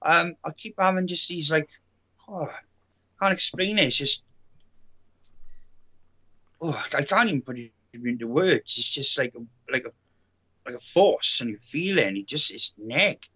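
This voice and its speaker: A man with a South Wales accent in casual live-stream chat as co-host, halting as he searches for words. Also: fairly high pitch, animated, pushed and bright, husky, low-quality recording.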